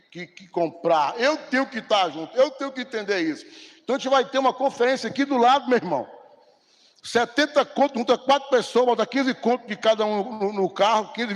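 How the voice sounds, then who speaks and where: A male pastor, preaching conversationally and acting out little dialogues. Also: sits high. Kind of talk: sermon. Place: church hall. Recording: reverberant church hall.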